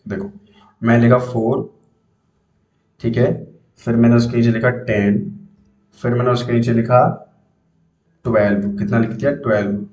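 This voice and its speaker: A man's voice: mid-range voice, flat delivery, a little slow, long pauses, darkish tone, highs cut off. Echoey male computer teacher, step by step. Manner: explains step by step, repeats questions to students. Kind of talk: screen-recorded spreadsheet tutorial.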